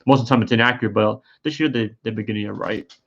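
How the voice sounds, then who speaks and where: A man's voice: on the low side, fairly even intonation, very fast, muffled recording, slight background noise. A tired, yawning man giving rambling, hesitant live-stream commentary, full of fillers and restarts. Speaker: sports streamer.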